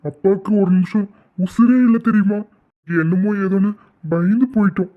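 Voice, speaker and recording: A man voicing an anxious, doting village father in a cartoon, loud and worried. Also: sits high, normal speed, natural voice. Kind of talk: cartoon voice acting. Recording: distant, muffled, faint music.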